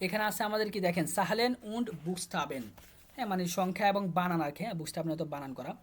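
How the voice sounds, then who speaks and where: A man's voice: sits high, racing. A man speaking Bengali with a Bangladeshi accent, teaching German. He walks students through textbook exercises and repeats words as he goes. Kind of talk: casual explanatory lesson.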